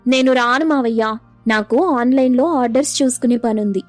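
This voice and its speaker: A woman voicing a vain, talkative young daughter-in-law in an animated story, sassy and boastful. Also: fairly high pitch, normal speed, soft background music, natural voice. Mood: whiny. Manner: sassy, boastful, loud hawking.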